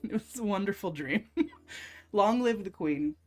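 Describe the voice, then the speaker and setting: A woman's voice: mid-range voice, lively intonation, measured pace, a little mellow. A woman hosting a casual craft livestream, chatting and laughing often. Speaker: livestream host. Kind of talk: casual chat while crafting.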